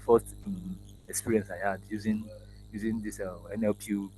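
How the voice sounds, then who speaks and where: This man's low-leaning voice shows little pitch movement as he stumbles through restarts and fillers. A Yoruba-speaking AI engineer, he's being interviewed casually over video call in an indoor office, and the laptop mic makes the audio noisy.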